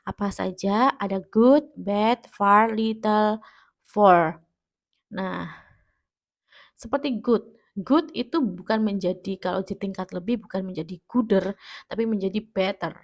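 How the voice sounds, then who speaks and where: An Indonesian woman teaches grammar in a patient, step-by-step way. Her voice sits at a middle pitch, and she often pauses to check that her students are following. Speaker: English teacher. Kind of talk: classroom-style grammar lesson.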